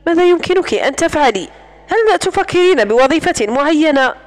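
Casting: a woman reading a calm, reasoning young man, slow and lower-pitched for the reader. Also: soft background music.

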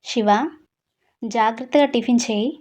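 A woman's voice: a little high, steady tone, normal speed, a little mellow, natural voice. A woman voicing a playful, bossy young husband who teases and scolds his wife in a read-aloud story. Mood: teasing. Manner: teasing, scolding.

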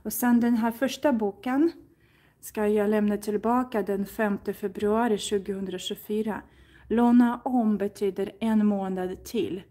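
Woman, warm dark voice, chatty library vlog, thinks aloud, reads titles. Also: mid-range voice, fairly even intonation. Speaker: Swedish teacher and vlogger.

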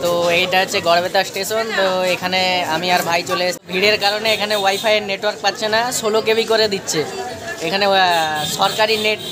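A man's voice: sits high, steady tone, quick pace. A man vlogging casually, explaining things to his viewers from a busy railway station. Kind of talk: casual vlog report. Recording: crowd noise behind.

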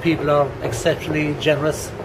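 A man's voice: on the high side, level tone, fast, very noisy. An older man who works as a street singer, talking cheerfully about how the season is going. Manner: cheerful, chatty. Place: city street outdoors.

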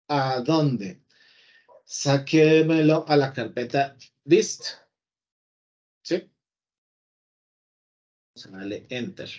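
A male teacher walks through code live, talking casually to his software like a person. His voice sits at a middle pitch. The recording has a slightly dull, lo-fi sound. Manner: chatty, talks to the computer as if to a person. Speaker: programming teacher. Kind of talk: live coding class.

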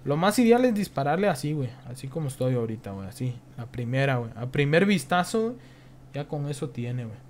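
A man's voice: mid-range voice, sing-song, fast, darkish tone, a little hiss or hum. A young man with a Mexican accent gives casual, profane commentary on his gameplay. He tacks a slang filler onto nearly every phrase. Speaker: gameplay streamer.

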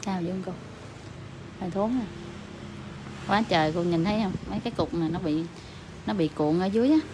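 A woman nail technician with a Southern Vietnamese accent, gently reassuring her client and explaining to viewers as she works. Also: lowish voice, fairly quick, noisy background. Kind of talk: livestream commentary while working.

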